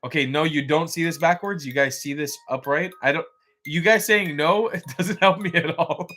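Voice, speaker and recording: A man's voice: fairly high pitch, normal speed, sharp tone. A man hosting a casual livestream, chatty and rambling with lots of fillers, tired and yawning. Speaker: livestream host.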